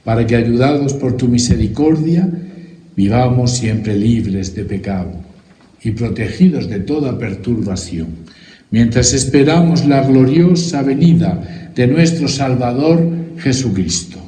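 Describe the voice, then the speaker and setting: A man's voice: medium pitch, animated, warm tone. Man intoning prayers in church echo. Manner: solemn, measured intoning. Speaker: priest leading Mass. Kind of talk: liturgical prayer recitation. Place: large church. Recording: roomy church echo with faint music.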